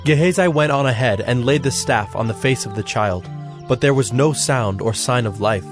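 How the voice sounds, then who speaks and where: A man narrating scripture in a measured, even reading voice. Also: medium pitch, music in the background. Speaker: scripture reader.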